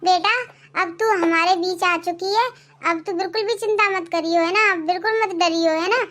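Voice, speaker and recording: A woman's voice: very high-pitched, steady tone, moderate pace, a bit bright. A woman voicing a caring elderly village grandmother in a cartoon, coaxing and ending her lines with little questions. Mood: soothing. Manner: coaxing, ends with tag questions. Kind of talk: cartoon voice acting.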